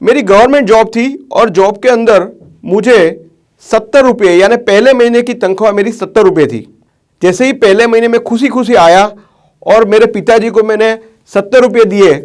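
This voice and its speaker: A man's voice: high-pitched, a little mellow. A man working as a financial life planner, telling viewers a story in a chatty style, dropping English phrases into his talk. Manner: conversational, mixes English phrases into Hindi.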